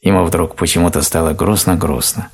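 Deep low guy reading a bedtime fairy tale, husky voice, slow and gentle. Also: steady tone. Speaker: narrator. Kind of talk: calm storybook reading.

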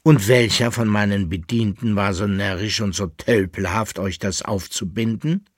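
A man reading aloud, voicing a haughty, teasing masked noblewoman in a playful, sharp tone. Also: lowish voice, steady tone, moderate pace, no room sound, clean studio sound, lightly acted. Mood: indignant.

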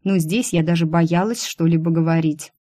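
A woman narrating a first-person audiobook in a wry, lively storytelling manner. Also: on the low side, moderate pace, no echo, studio quality.

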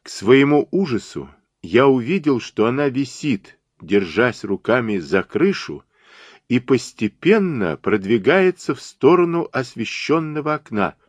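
A man narrating an audiobook in an expressive, dramatic reading, recorded on a close studio mic. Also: mid-range voice, a little slow, no room sound. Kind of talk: scripted narration.

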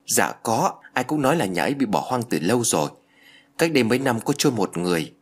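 A man's voice: medium pitch, very animated, fast talker, slightly rough. A man reading a ghost story and voicing a humble young inn worker who reports deferentially.

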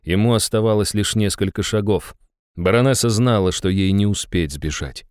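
Deep-voiced male audiobook narrator. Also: normal speed, darkish tone, clear, resonant tone, no echo, studio quality. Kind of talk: first-person fantasy audiobook narration.

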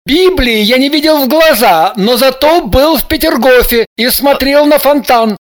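A woman's voice: sits high, normal speed, pitched above the performer's own voice, lightly acted. A woman voicing a foolish young man who boasts and teases. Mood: smug. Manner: foolish, smug. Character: silly, boastful young man, giggling clown.

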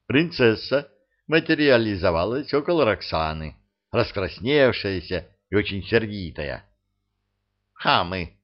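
Male audiobook narrator, low voice, lively intonation, slow unhurried reading, dull lo-fi sound. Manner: expressive storytelling, acting out the characters. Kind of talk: scripted narration.

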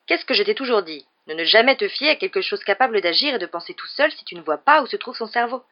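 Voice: medium pitch, expressive, fast, pitched above the performer's own voice, natural voice. An audiobook reader voicing an upset middle-aged father who scolds his daughter in a raised, reproachful voice. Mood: scolding. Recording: dull lo-fi recording.

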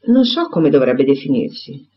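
A man reading aloud and voicing a grave, firm gentleman who delivers serious news steadily. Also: medium pitch, sing-song, normal speed. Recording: dull lo-fi recording.

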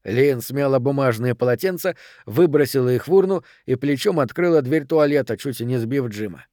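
A man narrating an audiobook in a steady, even reading voice. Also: medium pitch, moderate pace, no room sound, clean studio sound. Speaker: audiobook reader. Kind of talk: scripted narration.

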